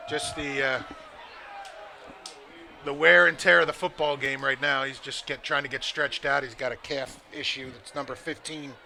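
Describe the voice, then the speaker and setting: A man giving relaxed, chatty color commentary at a live high school football game, with joking asides. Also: vocal fry. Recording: noisy outdoor broadcast recording.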